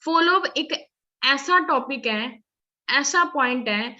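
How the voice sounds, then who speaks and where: Woman trainer, high bright voice, instructive and repetitive, dull lo-fi recording. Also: animated, slow pace. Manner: instructive, often checks "ठीक है?" and "clear है?". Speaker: network marketing trainer. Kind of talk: training session. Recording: slightly dull lo-fi audio.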